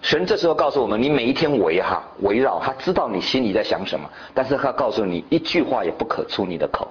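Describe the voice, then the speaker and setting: A male preacher giving a sermon in an animated way, peppering his listeners with rhetorical questions, on a dull lo-fi recording. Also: mid-range voice, fast talker. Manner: animated, quizzing the congregation with repeated rhetorical questions.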